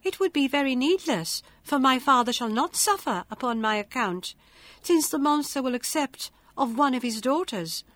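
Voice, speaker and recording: Woman reading calm earnest young heroine, soft, fairly high, dry. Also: moderate pace, no echo.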